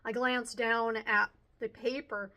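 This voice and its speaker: A woman narrating a first-person audiobook in an expressive, youthful storytelling manner. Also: a little high, slow pace, dull audio.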